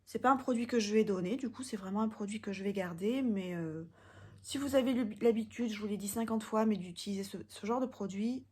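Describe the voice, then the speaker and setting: A woman's voice: mid-range voice, fairly quick, warm tone, slightly rough. A young woman from France giving a casual makeup product review, chatty and hesitant with frequent fillers. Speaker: beauty vlogger.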